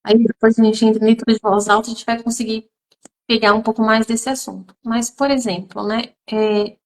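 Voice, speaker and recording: A woman with a somewhat high voice speaks as a guest teacher in a live stream. She talks emphatically and addresses her viewers directly, with many fillers and restarts. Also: flat delivery, brisk. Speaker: mother.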